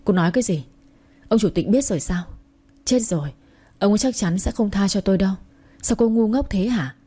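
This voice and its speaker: A man's voice: high-pitched, fairly quick, warm tone, breathy edge. A woman voicing a greedy, easily frightened married man who talks in a curt, scolding way. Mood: panicked. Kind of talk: storybook reading.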